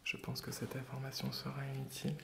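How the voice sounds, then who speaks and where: A man hosting ASMR in a gentle, hesitant whisper, very close in the ear on binaural microphones. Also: medium pitch, completely flat delivery, a little fast, creaky, noisy background. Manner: gentle, soft-spoken. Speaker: ASMR video host. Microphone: close binaural stereo microphones.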